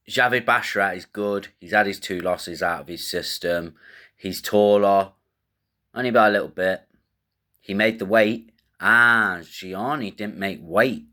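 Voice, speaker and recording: A man's voice: on the low side, sharp tone. A man hosting a casual fight-betting show, thinking aloud in a rambling, slangy way with casual swearing.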